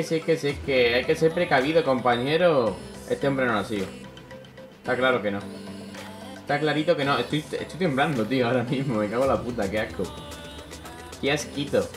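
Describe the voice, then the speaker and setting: A young man from Spain, commentating his own gameplay in an excitable way, swearing often and bursting into loud shouts. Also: mid-range voice, moderate pace, pauses often, over music. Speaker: gaming youtuber.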